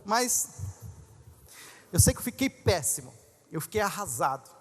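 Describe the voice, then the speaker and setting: A man pastor telling a personal story in a sermon, animated and conversational, with asides to the crowd. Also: high-pitched, measured pace, slightly rough. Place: large congress hall. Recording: long reverb of a large hall.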